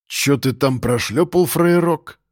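A man's voice: a little high, slow, no room sound. Suspicious hardened crook, blunt, as a man voices him, close dry read. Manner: blunt, sneering interrogation. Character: suspicious grim criminal, gruff man.

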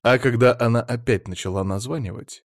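A man narrating a science fiction audiobook in first person, measured and even. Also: mid-range voice, no echo.

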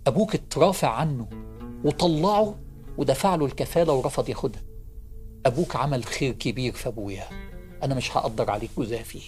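A man with an Egyptian accent voicing a stern male tax officer in a story, in a low, hushed and grave tone. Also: fast talker, faint music behind, natural voice. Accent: Egyptian Arabic.

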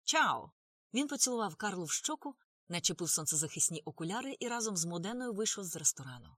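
Expressive female audiobook narrator. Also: medium pitch, no echo.

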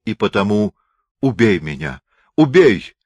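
Guy reading a proud beaten moorish knight, defiant and bitter, pitched up and loud, low voice underneath, dry close sound. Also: animated, measured pace, no echo. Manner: declaiming loud and high, defiant. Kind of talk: audiobook character reading.

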